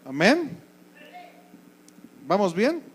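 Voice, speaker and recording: A man's voice: sits high, huge pitch swings, very slow, husky. A male pastor with a Mexico City Spanish accent, preaching a sermon in a conversational way and often asking the congregation questions. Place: church.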